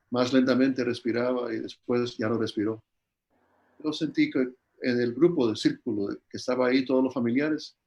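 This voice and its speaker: An older man speaks as a pastor, earnest and steady at a middle pitch, now and then repeating a word while he searches for the next. He answers questions in a calm, heartfelt sermon style. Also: muffled recording. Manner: earnest, with repeated words and restarts. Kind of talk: sermon-style answers in an online church conference.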